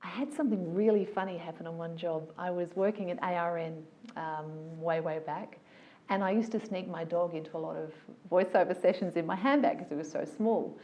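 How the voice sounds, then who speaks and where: A woman, a voiceover artist telling stories about her career in a casual, animated, enthusiastic interview. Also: on the low side, a little fast, dull audio.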